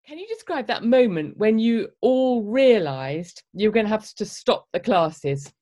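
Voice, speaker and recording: A woman interviewer asking questions in a gentle, encouraging, conversational way. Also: mid-range voice, big pitch swings, measured pace.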